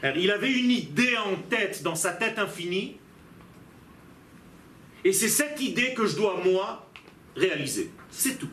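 A man's voice: high voice, big pitch swings, unhurried, pauses often, a bit bright, a little hiss or hum. A man teaching a religious lesson as a rabbi, emphatic and posing rhetorical questions to his listeners. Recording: echoey room.

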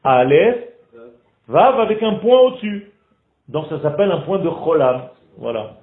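A man teaching a group in a lively, questioning way, teasing his listeners. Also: on the high side, a little slow. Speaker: Torah teacher. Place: classroom in Israel. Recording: echoey room on a tinny phone-like recording.

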